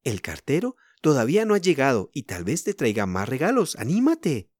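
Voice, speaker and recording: A man voicing a gentle, patient mother who speaks in a soothing but firm way. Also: medium pitch, wildly swooping pitch, moderate pace, dry recording, studio quality.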